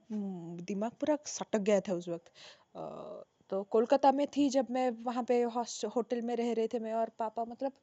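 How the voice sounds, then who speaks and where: A young woman in her twenties telling her own exam story in a casual, animated way, often laughing and pausing with fillers. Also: fairly high pitch, no room sound. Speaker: bank officer sharing her exam story. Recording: dull lo-fi sound.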